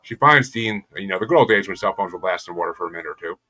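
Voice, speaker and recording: Man, young adult, podcast co-host, low voice, forceful tone, casual crude plot recap. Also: lively intonation, very fast, poor audio. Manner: crude, joking retelling of plot.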